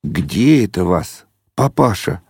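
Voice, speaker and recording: A man's voice: sits low, big pitch swings, takes it slowly, husky, no echo, clean studio sound, exaggerated voice. A man voicing a stern but timid young traffic militiaman who mumbles cautiously and deferentially.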